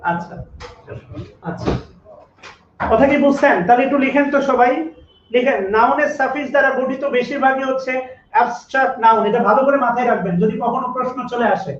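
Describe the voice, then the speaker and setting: A man's voice: very high voice, steady tone, a little fast, long pauses, a bit bright, slight background noise. A man teaching English grammar in a live online class, repeating each rule and asking students to comment to confirm they understand. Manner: repetitive, drills rules and asks students to comment. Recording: echoey room, distant mic, dull lo-fi sound.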